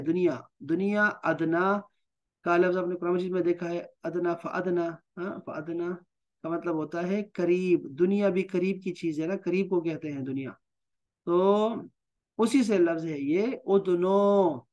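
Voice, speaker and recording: High-voiced man teaching a language lesson. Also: lo-fi sound. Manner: explains step by step, repeats words slowly. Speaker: Arabic teacher.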